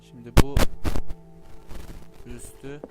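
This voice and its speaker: A man's voice: medium pitch, little pitch movement, takes it slowly. A man casually commenting on a video game as he plays, musing and talking to himself. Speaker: gamer. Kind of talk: let's play commentary. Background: loud game music.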